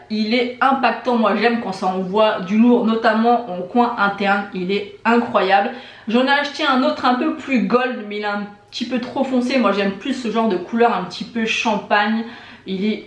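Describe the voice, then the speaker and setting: Enthusiastic woman beauty vlogger, echoey room. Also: on the high side. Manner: enthusiastic, gushing superlatives. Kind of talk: casual product review.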